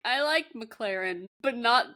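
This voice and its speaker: A woman's voice: fairly high pitch, expressive, unhurried, sharp tone. A woman co-hosting a podcast in casual chat, easygoing and laughing often. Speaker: podcast co-host.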